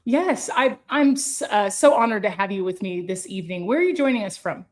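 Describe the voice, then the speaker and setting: A woman's voice: medium pitch, expressive, fairly quick. A woman hosts a food podcast in an upbeat, chatty tone. She asks friendly questions and reacts with open enthusiasm to what her guest tells her. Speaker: podcast host, chef. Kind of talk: casual interview chat.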